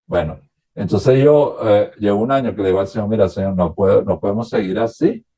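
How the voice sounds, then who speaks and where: A priest from Venezuela, a man, telling his own story as a radio interview guest, recounting past conversations in a halting, reflective way. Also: lowish voice, warm tone, breathy edge.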